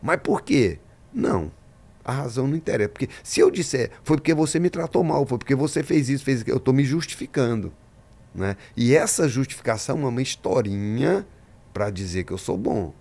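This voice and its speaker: A man's voice: mid-range voice, sing-song, a little fast, gravelly, darkish tone. A man, a pastor, talking in a podcast interview, preaching-style and emphatic, acting out the voices in his stories.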